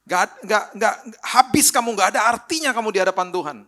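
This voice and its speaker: A man voicing a harsh, contemptuous devil who shouts accusations within a sermon. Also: high voice, expressive, quick pace, pitched above the performer's own voice. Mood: sneering. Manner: shouted insults.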